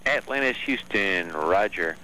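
A man's voice: low-pitched, expressive, measured pace, pushed and bright. A man working as mission control capcom, giving clipped, procedural callouts over a distant air-to-ground radio loop. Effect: distant noisy air-to-ground radio loop. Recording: hissy, distant radio transmission.

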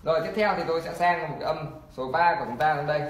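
A man teaching an online pronunciation lesson, repeating example words slowly and encouraging learners. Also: on the high side, a little hiss or hum. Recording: echoey room.

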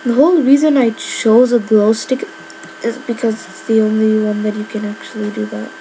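A woman's voice: fairly high pitch, level tone, normal speed, mellow, slight background noise, rough recording. A woman giving casual gameplay commentary, rambling with lots of filler words. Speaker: gamer.

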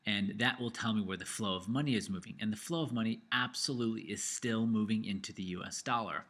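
A man's voice: on the low side, fast, fairly bright tone. A man in his thirties hosting a podcast, talking in a conversational, thinking-aloud way with fillers and restarts. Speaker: podcast host. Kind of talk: casual podcast talk about investing.

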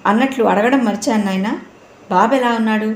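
A woman's voice: on the high side, fairly quick, natural voice. A woman reading a storybook voices a frail, grieving old mother who talks in a trembling, pleading way. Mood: tearful. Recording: roomy room, faint noise.

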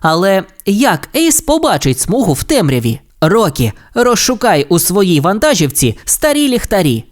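A confident boy who leads a puppy rescue team, done by a woman reading a storybook. The voice is lifted somewhat over her own, with a lively lilt. He gives orders in an upbeat, commanding way. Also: mid-range voice, moderate pace, hardly any pauses, pitched above the performer's own voice, lightly acted. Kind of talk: audiobook character voice.

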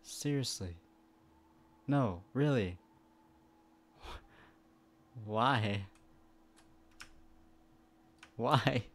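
A man streaming a video game live, commenting as he plays and jumping between quiet mutters and excited outbursts. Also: lowish voice, moderate pace, a little hiss or hum. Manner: excitable, bursts into loud shouts and laughs.

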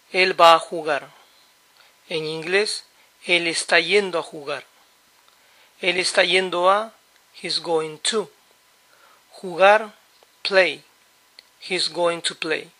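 A man's voice: high voice, bright, forceful tone. A man teaching English basics in Spanish, patiently explaining and repeating example phrases. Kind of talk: slow, explanatory lesson.

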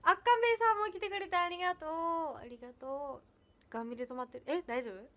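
A young woman, chatting casually on her livestream as she reads viewer comments. Her voice sits high and sounds bright. She giggles often and keeps thanking people. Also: fast. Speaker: idol livestreamer.

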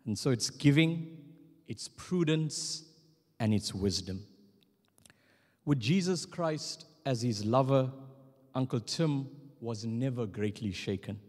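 Male, middle-aged memorial MC; formal, measured eulogy at a slow pace, long hall reverb. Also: mid-range voice, a little mellow. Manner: measured, solemn, pausing between short phrases. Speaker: master of ceremonies at a memorial service. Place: church stage at a lectern, indoors. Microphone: microphone on a stand at the lectern.

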